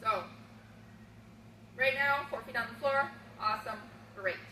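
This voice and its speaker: A woman dog trainer runs an upbeat, instructive demonstration at home, speaking unhurriedly in a sharp tone and breaking into high-pitched baby talk for the dog. A camera across the room captures her, so the audio is roomy and distant with faint room noise.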